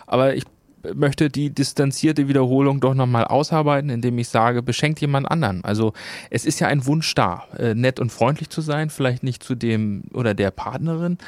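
A man's voice: medium pitch, a little mellow, no room sound. Middle-aged male co-host, mid voice, dry close sound, hesitant, rambling, playful. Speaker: radio co-host. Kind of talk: casual chat.

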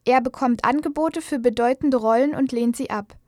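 A woman's voice: high voice, moderate pace, a little mellow, no room sound. A woman reading scripted biographical news narration as a voice-over. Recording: dry studio voice-over.

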